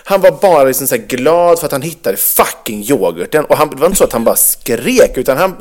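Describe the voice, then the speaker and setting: A man in casual podcast chat, his voice rising and falling in wide, lively swings as he works himself up. He speaks at a middle pitch for a man, with blunt, heated storytelling full of swearing. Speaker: podcast co-host.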